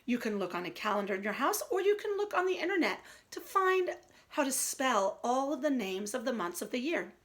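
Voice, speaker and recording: A female teacher with a high, brisk voice reads a story aloud to young children and gives them simple instructions. Her delivery is expressive and explanatory.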